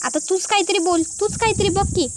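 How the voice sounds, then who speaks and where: A woman's voice: extremely high pitch, a little fast, a little hiss or hum. A woman voicing a young village daughter-in-law who pleads and reasons to stop a quarrel. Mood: pleading.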